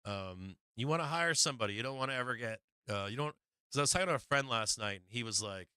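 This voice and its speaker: A man hosts a stock market livestream in a bright, smooth, resonant voice, recorded dry and close. He tells stories casually, with frequent fillers and swearing. He acts out the people he quotes in a raised voice. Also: mid-range voice, animated, fast talker, no echo. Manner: profane, rambling, with many fillers.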